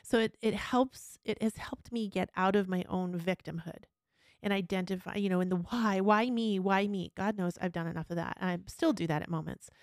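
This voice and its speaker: A woman in her fifties, a guest, speaking earnestly and haltingly, repeating words as she holds back emotion. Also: lowish voice, a little mellow, no echo, clean studio sound. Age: 50s. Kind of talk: personal conversation.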